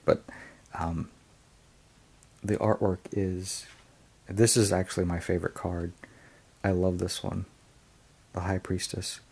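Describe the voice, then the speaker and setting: A man's voice: sits low, darkish tone, husky. A man casually reviewing and unboxing a tarot deck, hesitant, with frequent ums and restarts.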